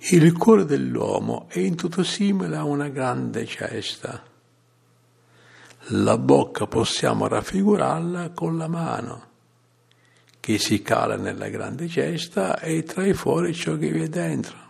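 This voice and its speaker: A man delivering a sermon, reading scripture passages in a measured, solemn way with rising emphasis. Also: a little high, animated, vocal fry, a little mellow, slightly rough. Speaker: preacher.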